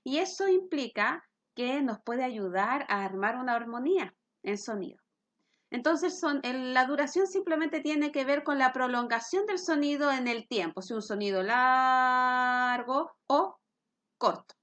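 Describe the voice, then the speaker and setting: A woman's voice: high voice, animated, moderate pace. A middle-aged woman, teaching a physics lesson and checking in with her students as she explains. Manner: patient, explains with questions to students.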